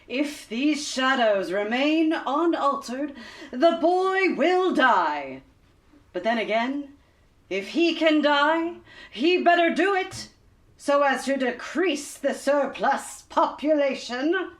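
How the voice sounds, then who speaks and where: A woman's voice: sits high, very animated, slow, full character voice. A woman playing a flighty, forgetful spirit in a Christmas radio play, talking in a theatrical way. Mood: scatterbrained. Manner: theatrical, scatterbrained.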